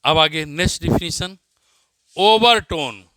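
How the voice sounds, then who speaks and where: A man with an Indian accent teaching physics, dictating definitions slowly, repeating phrases and quizzing his students. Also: on the high side, pushed and bright, no room sound. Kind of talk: classroom lecture with dictation.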